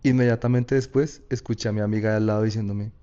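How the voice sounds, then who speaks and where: A man with a Colombian Paisa accent telling a personal story in a casual, slangy, lively way. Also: fairly low pitch, quick pace, clean tone, lo-fi sound. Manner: casual, slangy, animated retelling.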